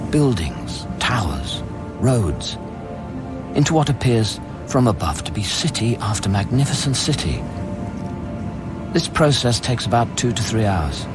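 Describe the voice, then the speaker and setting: Over prominent background music, an actor with a natural, medium-pitched male voice plays a haunted scientist in a radio play, narrating in first person the eerie events aboard a space station. His delivery is measured, brooding and literary, at times sinking to a whisper.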